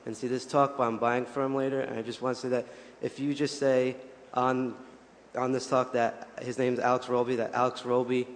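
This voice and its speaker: A man's voice: medium pitch, little pitch movement, brisk, a little hiss or hum. A man in an audience speaking at a microphone, earnest, a little nervous and rambling. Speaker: audience member asking a question. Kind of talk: live Q&A question. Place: large hall at a convention. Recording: large hall with audience.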